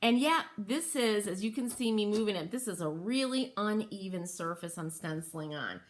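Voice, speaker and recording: Stenciling during a casual livestream, a middle-aged woman chats with her viewers, calls them by name and thinks aloud as she works. She speaks at normal speed in an expressive, mid-range voice from her home workroom next to an open window.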